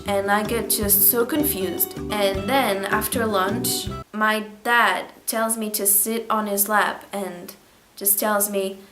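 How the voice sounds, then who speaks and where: A woman in her late teens speaking English as a second language, talking candidly and expressively in a casual personal vlog as she reads from her diary. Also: mid-range voice. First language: not English. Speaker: vlogger. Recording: roomy echo, music behind. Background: music.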